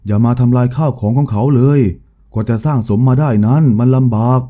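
A stern old grandmother who speaks firmly and refuses to back down, as a man reads her part. Her voice comes out very dark and mellow in this storybook telling. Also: mid-range voice, fairly quick, close to an everyday voice. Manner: firm, pleading yet unbowed.

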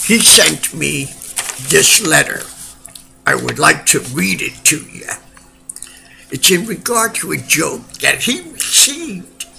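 A man playing a goofy, slow-witted British joke-teller with a put-on British accent, rambling and giggling at his own joke in a comedic monologue. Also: fairly high pitch, very animated, pushed and bright, slight background noise, heavily acted. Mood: joking. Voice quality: very gravelly.

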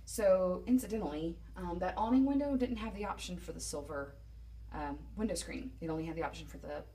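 A woman's voice: fairly low pitch, a little fast, warm tone. A woman giving a rambling, casual walkthrough, full of ums and asides, filmed on a handheld phone inside an unfinished wooden shed. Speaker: vlogger building a tiny house.

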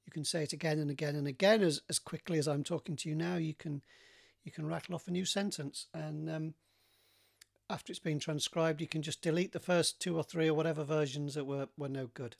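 A man, an author chatting casually about his writing with many pauses and restarts. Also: fairly high pitch, steady tone, creaky. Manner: rambling, many fillers and restarts. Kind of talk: casual chat to camera.

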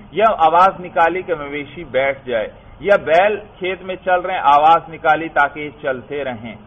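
A man from Pakistan teaching Arabic grammar in a classroom lecture. He keeps asking the class questions, answers them himself and calls his listeners brother. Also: a little high. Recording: tinny phone-like lecture recording.

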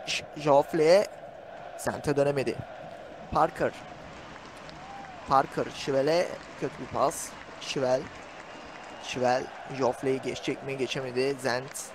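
A man giving fast play-by-play commentary on an online football match, calling out names and rising to shouts at key moments. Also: medium pitch, background noise. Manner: rapid calling of player names, bursts of shouting.

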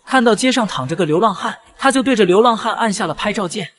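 Male narrator, high voice, fast pace, scripted story recap. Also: animated, fairly bright tone.

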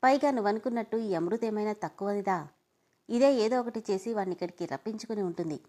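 A woman's voice: medium pitch, fast, mellow, close to an everyday voice. A woman voicing a spiteful old grandmother who speaks in a taunting, contemptuous way.

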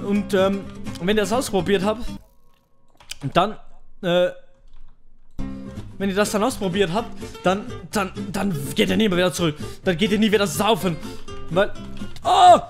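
A man giving casual let's-play commentary as a YouTube gamer, halting and restarting his words, excitable and yelling as he plays. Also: high-pitched, soft background music. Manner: halting, stumbling over words, restarting often; excitable, shouting and laughing while playing. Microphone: headset.

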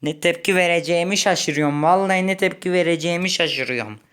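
A young man giving casual gameplay commentary, chatty, muttering when frustrated and shouting when excited. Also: fairly high pitch, fast, clean tone. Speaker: gaming YouTuber.

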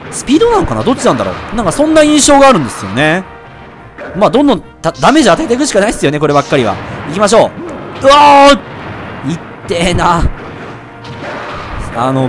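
Fast-talking male gamer, jumpy and loud over quiet game music. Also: high voice. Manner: excitable, yelps and shouts at hits. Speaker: let's play gamer. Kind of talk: excited game commentary.

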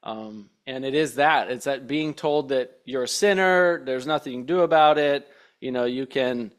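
Man, thirties, podcast host, earnest, reflective, hesitant, home studio, boom-arm mic. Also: moderate pace, smooth. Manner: earnest, thoughtful, with many hesitations. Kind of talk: reflective interview conversation. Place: home studio with shelves and plants.

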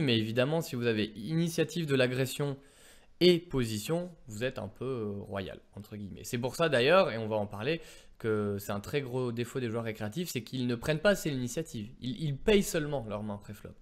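A man explaining poker concepts in a casual two-person lesson, animated and fond of everyday comparisons. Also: medium pitch, a little fast. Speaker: poker coach.

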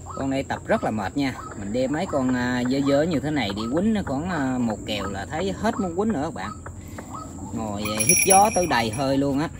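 A man talking casually to his viewers outdoors, rambling with many filler pauses. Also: medium pitch, very animated, background noise. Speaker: bird-trapping vlogger. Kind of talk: casual outdoor vlog narration. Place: outdoors in countryside.

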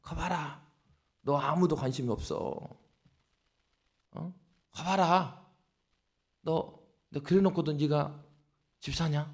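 A man's voice: fairly high pitch, slow pace, long pauses. A man voicing a sly male devil who whispers mocking doubts to a believer. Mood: taunting. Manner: mocking, needling.

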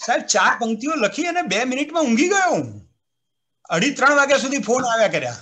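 Man, high and bright voice, very animated storyteller, acts out quotes and recites verse, speaking over a video call. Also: fast. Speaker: retired civil servant speaking at a literary event. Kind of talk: anecdotal speech at an online literary program.

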